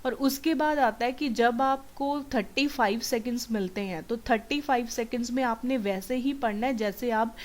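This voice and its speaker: A woman's voice: a little high, normal speed, hardly any pauses. A woman coaching students for an English test, explaining step by step as she switches between Hindi and English. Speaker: PTE exam coach. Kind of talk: teaching a test-prep lesson.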